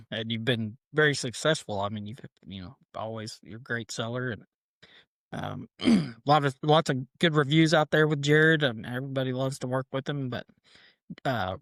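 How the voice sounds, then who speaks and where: Male host, mid-pitched voice, dry close sound, upbeat, jokey, stumbling. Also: no echo. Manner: upbeat, jokey, repeats words. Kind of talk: casual interview hosting.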